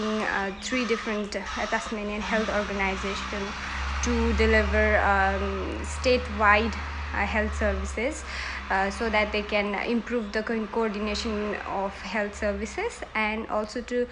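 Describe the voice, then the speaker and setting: A woman's voice: medium pitch, background noise. A woman, giving earnest, hesitant answers in a mock job interview. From Nepal. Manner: earnest, hesitant, self-correcting.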